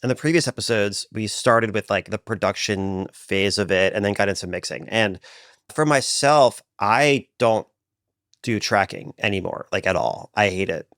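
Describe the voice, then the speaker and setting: A man's voice: fairly low pitch, moderate pace, fairly bright tone, dry recording, clean studio sound. Tired man chatting as podcast co-host. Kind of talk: casual chat.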